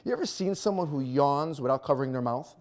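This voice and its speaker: A man in his thirties doing a stand-up comedy set, animated and self-mocking, acting out little scenes. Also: mid-range voice, fast talker. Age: 30s. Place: small performance venue before a live audience.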